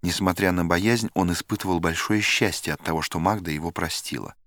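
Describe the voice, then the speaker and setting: Deep-voiced male audiobook narrator. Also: fairly quick, fairly bright tone, no room sound, studio quality. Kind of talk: scripted literary narration.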